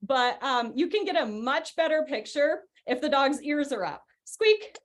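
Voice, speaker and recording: A young woman with a high voice leads a live online dog training session. She explains each step in a friendly, chatty way and giggles often. Her voice comes through a video call. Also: moderate pace. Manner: chatty, giggly, gives short cues to a dog.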